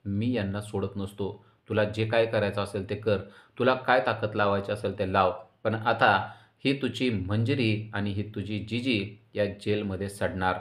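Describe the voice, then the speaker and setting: A swaggering, corrupt police officer taunts his prisoners in a fairly low voice, as a man reads his lines in a serial recap. He boasts and threatens in a plain recap voice-over. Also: steady tone, a little slow, close to an everyday voice. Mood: taunting. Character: arrogant, gloating corrupt male police officer. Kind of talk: recap voice-over reading dialogue.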